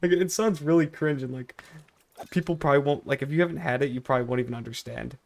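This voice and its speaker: A man's voice: mid-range voice, fast talker, creaky, slight background noise. A young man telling a personal story in a casual vlog style, rambling and repeating himself with emphatic, exaggerated complaint. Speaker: video creator.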